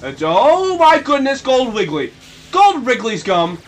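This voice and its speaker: A man giving casual, goofy gameplay commentary, rambling and breaking into sudden shrill yelps. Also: wildly swooping pitch, a little slow, slight background noise. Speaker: let's play commentator.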